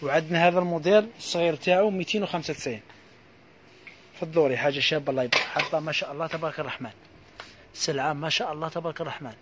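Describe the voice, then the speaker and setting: A man with an Algerian accent giving a live sales pitch for housewares, reeling off prices in a quick patter full of repeated blessings. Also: noisy background. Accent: Algerian Arabic. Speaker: housewares shop seller.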